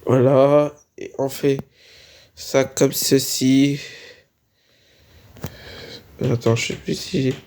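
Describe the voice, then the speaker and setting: Hesitant and a little under the weather, this Minecraft tutorial maker sneezes while walking through a casual build, leaning on the fillers "voilà" and "on continue" again and again. Delivery is very slow, flat and mellow at medium pitch, broken by frequent pauses, with a faint hiss or hum behind it.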